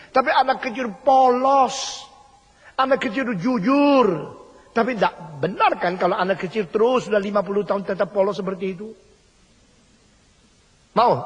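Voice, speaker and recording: Older preacher, high husky voice, hall reverb. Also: male voice. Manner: emphatic, repetitive preaching with rhetorical questions. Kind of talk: sermon. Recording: long reverb of a large hall.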